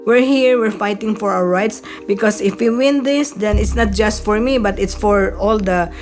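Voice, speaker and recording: A woman's voice: mid-range voice, normal speed, darkish tone, faint music behind. An older woman from Cebu with a Filipino accent, an earnest caregiver speaking in a documentary interview. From Cebu, Philippines.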